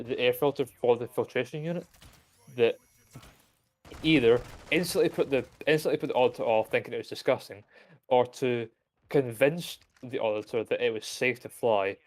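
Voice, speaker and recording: A male streamer chatting casually on a live stream in a mid-pitched, everyday voice. He rambles through his story with plenty of fillers and restarts. He drops in swearing without a second thought. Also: darkish tone. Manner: rambling, hesitant, swears freely.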